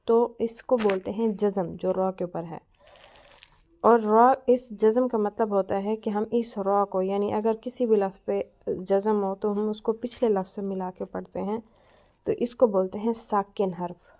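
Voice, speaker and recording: A woman teaching a Quran recitation lesson. She explains each rule patiently and says every example word slowly and clearly. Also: mid-range voice, fairly even intonation, dark tone. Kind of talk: tajweed lesson.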